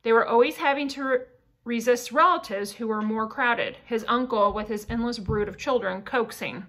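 A woman reads a classic novel aloud, measured and careful. Her voice is bright and sits fairly high. She keeps a steady storytelling flow. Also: rough recording. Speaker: audiobook reader.

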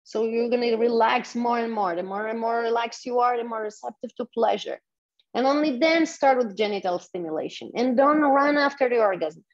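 A woman's voice: on the high side, moderate pace. A woman, a guest on a podcast, who talks enthusiastically and guides listeners step by step. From Poland. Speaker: guest, sexuality coach. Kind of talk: podcast interview. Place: home in Tulum. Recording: dull lo-fi audio.

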